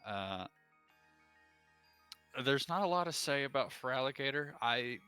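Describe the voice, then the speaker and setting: Young dude explaining his pick, bright voice, keeps restarting, quiet music playing. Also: medium pitch, animated, a little slow, smooth. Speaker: league coach. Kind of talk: casual stream chat.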